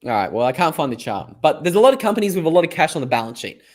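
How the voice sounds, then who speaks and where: A man with an Australian accent hosting a casual live stream, hoarse from a lost voice, rambling and chatty as he reads viewer comments aloud. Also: fairly high pitch, big pitch swings, racing.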